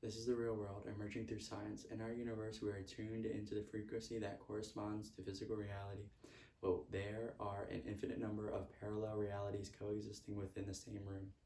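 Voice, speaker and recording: A man's voice: lowish voice, completely flat delivery, brisk, warm tone, far from the mic, slight background noise. A man giving a motivational self-help talk, repeating earnest affirmations. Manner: earnest, repetitive affirmations with stray laughs. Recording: echoey room, speaker off-mic.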